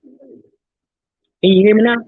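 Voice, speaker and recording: A man's voice: high voice, fairly even intonation, slow pace, no room sound. A man co-hosting a casual reaction stream, his voice muffled and dropping in and out over the online connection. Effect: muffled stream audio cutting in and out. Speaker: stream co-host. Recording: muffled lo-fi online call audio.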